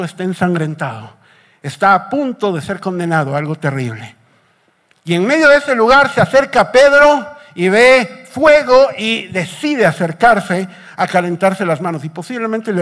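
A man's voice: high voice, a bit bright. A man preaching a sermon, telling the story dramatically and acting out the scenes.

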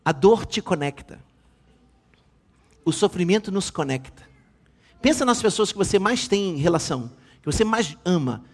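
A middle-aged bishop delivers a sermon full of comic family anecdotes. His voice sits high for a man and leaps all over the place, playful one moment and bursting into loud exclamations the next. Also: expressive, normal speed, pauses often, husky. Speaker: bishop preaching.

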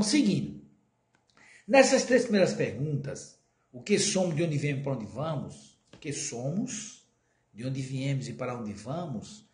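A man with a Brazilian Portuguese accent gives a spiritist talk to a live audience, chatty and full of questions thrown back at the listeners. His voice sits a little high for a man. The sound rings in an echoey hall. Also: a little mellow. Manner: conversational, asks the audience questions and jokes. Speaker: spiritist lecturer.

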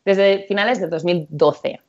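Low-voiced woman from Catalonia. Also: unhurried. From Spain (Catalonia, Empordà). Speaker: guest, nutritionist. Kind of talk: casual radio chat. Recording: dull lo-fi sound.

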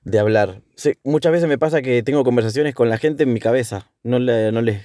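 A man's voice: medium pitch, a little fast, mellow, no echo, clean studio sound. A young man with a Rioplatense Spanish accent, talking through his thoughts in a hesitant, self-correcting way. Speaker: host. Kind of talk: casual reflective monologue.

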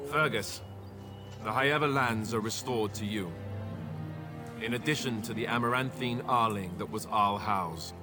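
A man voices a solemn young monarch addressing his people in a video game. He speaks in formal, kingly oratory at a middle pitch, with clear music playing behind him. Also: moderate pace, natural voice. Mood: regal, formal. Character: solemn newly crowned king giving a funeral eulogy. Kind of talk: scripted video game cutscene speech.

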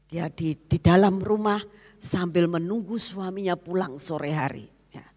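A preacher in the middle of a sermon, recounting a story with heartfelt intensity and speaking straight to the congregation. The voice sits at a middling pitch and keeps swelling into loud, fervent peaks. A long reverb trails every phrase, as in a large church hall. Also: measured pace. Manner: emotional, swells to loud exclamations; addresses the congregation directly.

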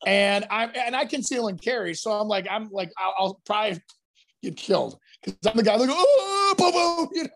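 A man's voice: sits high, a little fast, vocal fry. A man who works as a real estate agent, chatting casually and telling long stories, acting out other people's lines as he goes. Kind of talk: casual podcast chat.

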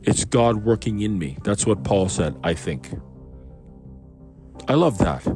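A man's voice: fairly low pitch, very animated, unhurried, darkish tone, soft background music. A man from Canada reading a Bible passage aloud and commenting on it in a loose, conversational way, with asides and questions to his listeners. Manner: reads scripture aloud then riffs on it conversationally, with asides and questions.

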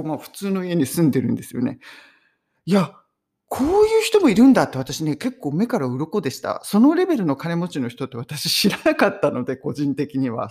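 A Japanese woman teaching English phrases in a chatty, animated way, mixing in personal stories. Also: on the low side, slightly rough. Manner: chatty, animated storytelling with laughs. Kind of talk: casual English lesson.

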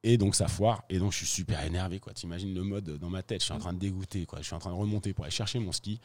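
Speaking low and fast, this professional freeride skier tells a tale in a relaxed interview. He uses lots of slang and gets animated, playing out the moments as the story unfolds.

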